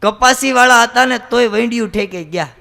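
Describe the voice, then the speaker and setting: A man from Gujarat, a swami telling comic stories to an audience in a brisk way and acting out the characters. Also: very high-pitched, gravelly, sharp tone. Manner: brisk joke-telling, acts out characters' voices. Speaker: swami giving a comic religious talk. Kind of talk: humorous storytelling talk to an audience.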